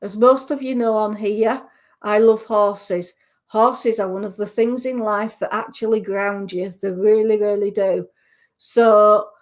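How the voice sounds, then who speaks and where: A medium-pitched woman with a Yorkshire accent offers a live radio psychic reading. She sounds gentle and reassuring, and often starts her sentences again.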